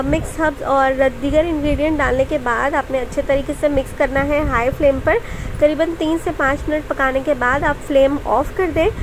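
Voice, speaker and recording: Over a noisy background, a high-voiced cooking channel host talks viewers through a recipe one step at a time in voice-over, sharing friendly tips as she goes.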